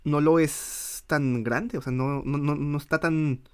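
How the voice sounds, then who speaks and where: A man's voice: a little high, fairly even intonation, slow, a little mellow, clean tone. A man with a Mexican accent, co-hosting a casual podcast chat and often restarting his sentences as he thinks aloud. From northern Mexico. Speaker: podcast co-host.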